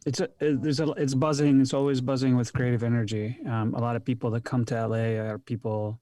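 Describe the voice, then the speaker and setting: A man's voice: mid-range voice, level tone, brisk, mellow, dry recording. A man from Egypt, an actor, talking as a podcast guest over a video call, thoughtful and hesitant with lots of ums. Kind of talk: casual interview chat.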